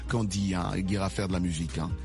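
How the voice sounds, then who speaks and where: A man's voice: low voice, fairly even intonation, fast, darkish tone. A man of Congolese origin hosting a radio show, interviewing a guest and making on-air announcements with sing-song emphasis and repeated words. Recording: radio broadcast with music bed.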